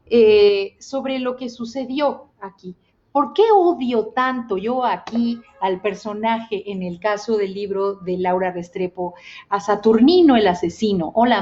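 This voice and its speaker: A woman's voice: on the high side, a little mellow, dull audio. A woman hosting a reading stream, explaining the books and reading passages aloud with expression. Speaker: host of a reading and storytelling stream. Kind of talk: reading aloud and commenting on novels.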